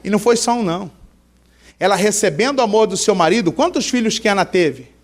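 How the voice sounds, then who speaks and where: A high-voiced male pastor preaching with animated energy. He fires questions at the congregation and slips into little acted scenes. His tone swings from lively to hushed prayer. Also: a little fast. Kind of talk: sermon.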